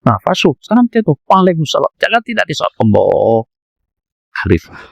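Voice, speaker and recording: Malaysian Malay preacher, slightly high voice. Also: male voice, fairly quick, vocal fry, no room sound. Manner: animated storytelling, acts out voices. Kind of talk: mosque lecture.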